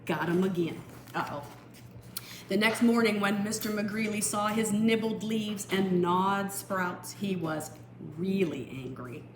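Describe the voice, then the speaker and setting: A woman with a mid-range voice reads a picture book aloud for children, expressive and explanatory, adding teacherly asides and pausing to define words. The room is echoey, with faint background noise.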